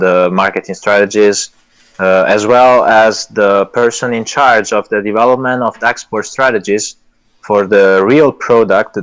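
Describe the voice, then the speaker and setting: Recorded in low quality, a man with a lowish voice speaks as a project lead guest on a live audio chat. His first language is Italian, and he comes across as earnest and self-deprecating, laughing lightly amid frequent fillers, restarts and hesitation.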